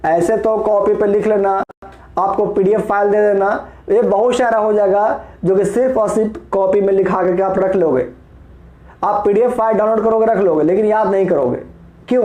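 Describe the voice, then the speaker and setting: A man's voice: sits high, warm tone, roomy sound. A male teacher from Bihar giving a patient, explanatory vocabulary lesson, spelling words letter by letter and asking the class questions. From Bihar, India.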